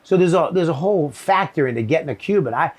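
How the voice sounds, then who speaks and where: A man's voice: a little high, lively intonation, fast talker. A man with a Boston accent, rambling and swearing as he chats casually about cigars, often groping for words. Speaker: podcast host, comedian. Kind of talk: casual chat. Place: shed with cigars.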